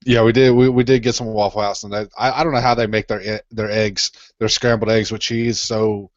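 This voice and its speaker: A man's voice: on the low side, little pitch movement, a little fast, no room sound. A man co-hosting a casual podcast, rambling and swearing freely. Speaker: podcast co-host. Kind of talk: casual chat. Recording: dull dry lo-fi recording.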